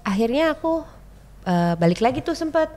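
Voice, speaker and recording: A woman, a podcast guest telling a personal story in a chatty, animated way and acting out the people she quotes. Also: normal speed. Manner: animated, acts out quoted people with sharp jumps in pitch and loudness; chatty, keeps addressing the host as "Mas". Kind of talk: casual storytelling chat.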